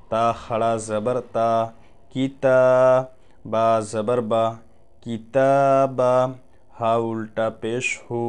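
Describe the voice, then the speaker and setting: A man with a Bengali accent teaching Quran reading, spelling out letters and vowel marks, drawing out each syllable slowly and then explaining quickly. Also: mid-range voice, darkish tone, clean tone. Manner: slow drawn-out syllables alternating with quick spoken explanations. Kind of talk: spelling out Arabic letters and vowels in a recitation lesson.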